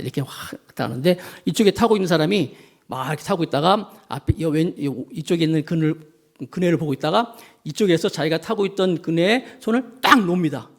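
High, gravelly-voiced male pastor preaching. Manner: emphatic, addresses the congregation with rhetorical questions; storytelling with acted quotes. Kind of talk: sermon.

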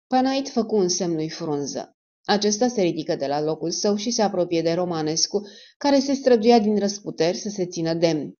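Woman narrating in a low, mellow voice. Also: expressive. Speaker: audiobook narrator. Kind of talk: scripted narration of a spy novel. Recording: dull lo-fi recording.

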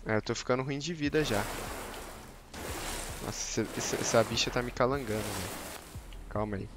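A man's voice: mid-range voice, a little fast, noisy background. A man giving slangy, joking gameplay commentary on a live stream and teasing his chat. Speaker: game streamer.

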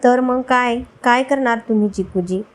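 A woman's voice: on the high side, normal speed, natural voice, low-quality recording. A woman voicing a feisty, playful young wife who teases and makes jesting threats. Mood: teasing. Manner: teasing, threatening in jest.

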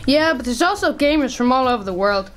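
A cocky twelve-year-old gamer boy, who needles and gloats in a high, bright voice. It is radio drama acting in a smug, teasing tone. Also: lively intonation, fairly quick. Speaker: child character in audio drama.

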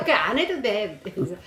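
A woman chatting at home with her mother, listening closely and answering in soft, affirming replies. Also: a little high, roomy sound. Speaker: daughter, channel host. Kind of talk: casual chat.

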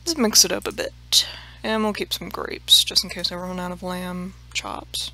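A woman's voice: lowish voice, steady tone, moderate pace, bright, forceful tone. A woman hosting a let's play, chatting casually and mocking herself, swearing freely and dropping into murmured half-whispered asides. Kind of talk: casual gameplay commentary.

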